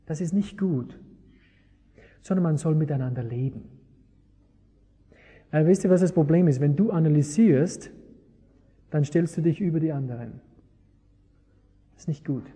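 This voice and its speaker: A man's voice: a little high, moderate pace, long pauses, warm tone, husky. Engaging preacher man in a reverberant hall. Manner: engaging, asks the audience rhetorical questions. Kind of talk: sermon.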